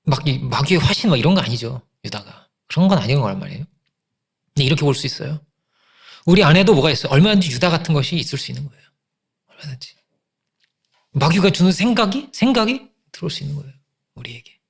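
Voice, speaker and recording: Gravelly, husky male pastor preaching. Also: on the high side, animated, fast talker. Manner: emphatic, repeats phrases, rhetorical questions. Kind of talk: sermon.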